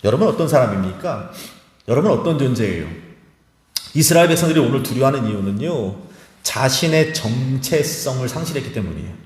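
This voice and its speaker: A man's voice: medium pitch, animated, brisk, darkish tone. Fervent male pastor in a reverberant church hall. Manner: fervent preaching, questioning the congregation directly. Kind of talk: sermon at a Friday prayer meeting.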